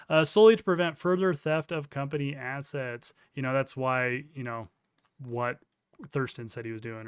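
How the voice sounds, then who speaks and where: A crypto news commentator reads court documents aloud with casual commentary and sarcastic, incredulous asides. His voice is a little high and clean, recorded dry with clean studio sound.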